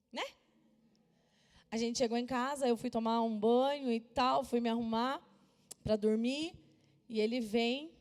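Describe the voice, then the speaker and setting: A woman pastor from Brazil preaching a sermon and telling a personal story with emphatic, lively delivery, at times dropping to a soft voice. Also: on the high side. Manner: animated, emphatic storytelling, drops to soft voice for quotes. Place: church. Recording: long reverb of a church hall.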